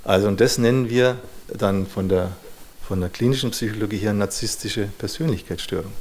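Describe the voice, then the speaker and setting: Low-voiced man lecturing on psychology. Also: brisk, darkish tone, slight background noise. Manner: thoughtful, searching for words, frequent "ja" and "ne". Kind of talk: lecture to an audience.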